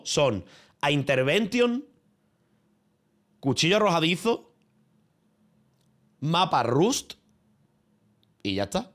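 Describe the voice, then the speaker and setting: A man from Spain with a Spanish accent, chatting casually and rambling on a livestream from his room, with plenty of swearing and slang. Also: mid-range voice. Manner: rambling, profane, slangy, talking to viewers and a friend. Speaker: streamer.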